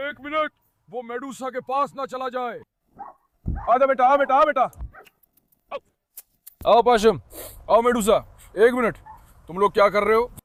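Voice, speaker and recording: A man's voice: very high-pitched, a little hiss or hum. A man talking casually to his dogs and viewers on his farm, coaxing and scolding them and calling them son.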